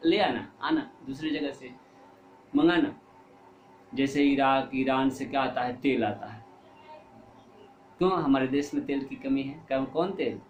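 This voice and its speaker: A man teaching a Hindi grammar lesson to young pupils. He keeps asking questions and answering them himself, repeats key words and draws out the example sounds slowly. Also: medium pitch, muffled recording. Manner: slow, drawn-out stress on example words. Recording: echoey room with faint ambient noise.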